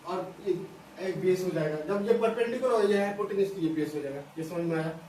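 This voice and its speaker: High-voiced man teaching maths, echoey room. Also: quick pace, a little mellow. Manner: explains step by step, repeats phrases, checks understanding often. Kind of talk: whiteboard lesson for school students. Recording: echoey room from a distance, faint hiss.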